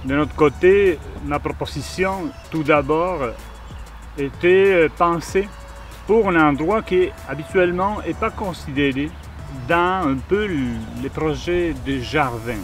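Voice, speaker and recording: A man in a documentary interview, talking slowly and hesitantly with frequent fillers. His voice sits a little high and is picked up from some distance, with faint music underneath. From Argentina. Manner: hesitant, many fillers and restarts. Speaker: visual artist. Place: outdoor garden.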